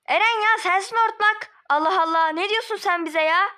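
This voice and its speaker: A woman doing a shrill, indignant young woman. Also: animated, brisk, sharp tone, exaggerated voice. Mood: indignant scolding. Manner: shrill, scolding, exasperated.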